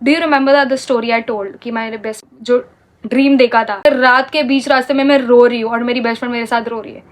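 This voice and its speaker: High-voiced woman. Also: fairly even intonation, a little fast. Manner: heated, indignant storytelling mixing Hindi and English. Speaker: vlogger. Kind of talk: storytime vlog.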